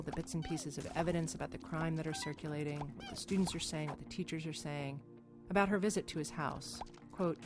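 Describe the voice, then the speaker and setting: Female journalist narrator, low register, measured and wry, scripted podcast read. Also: a little mellow.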